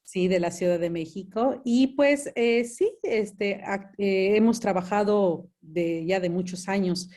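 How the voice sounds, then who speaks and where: A woman's voice: mid-range voice, measured pace, few pauses, mellow. A woman from Mexico City with a Mexican accent, an activist answering interview questions hesitantly, with many fillers and restarts. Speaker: activist guest.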